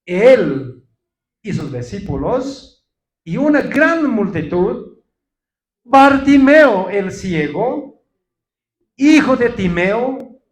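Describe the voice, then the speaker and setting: Heard in an echoey church, this high-voiced pastor delivers a forceful sermon, repeatedly addressing the congregation as brothers, calling out to them, and supplying answers to his own questions.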